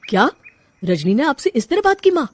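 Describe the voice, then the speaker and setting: A woman's voice: high voice, very animated, moderate pace, voice pushed up. A woman voicing a patient young husband who coaxes and pleads with his wife. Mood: pleading. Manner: soft coaxing, pleading questions.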